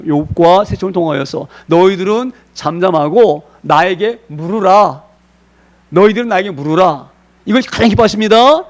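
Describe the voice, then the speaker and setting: A male pastor preaching a sermon, slowing down on key words and asking the congregation rhetorical questions. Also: high voice.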